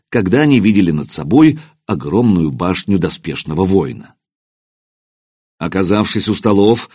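A man narrating an audiobook in expressive, scripted storytelling. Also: on the low side, slightly rough, no room sound, studio quality.

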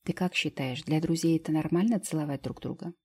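A woman voicing a timid, hushed young girl. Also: sits low, brisk, breathy edge. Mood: timid whisper. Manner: soft, hushed, hesitant. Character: shy young woman, gentle and unsure. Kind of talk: audiobook character reading.

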